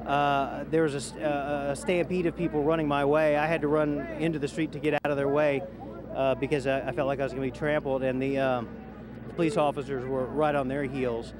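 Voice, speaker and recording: Male street reporter, slightly high voice, live among loud crowd, halting delivery. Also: little pitch movement. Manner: hesitant, many fillers. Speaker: field reporter. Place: outdoors on a busy street. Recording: crowd noise around.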